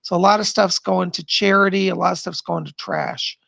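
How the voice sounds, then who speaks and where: His pitch is high and swoops wildly, with vocal fry and a sharp tone, delivered at a normal speed. He's a middle-aged psychic host reading viewer comments in a casual live-stream chat from home, rambling and laughing often, his voice strained, tired and fading. No echo is present.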